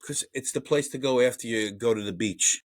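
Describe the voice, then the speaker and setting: A podcast co-host with a Brooklyn accent chats casually and profanely about an old movie, reading trivia aloud. His medium-pitched voice is brisk, with no room sound.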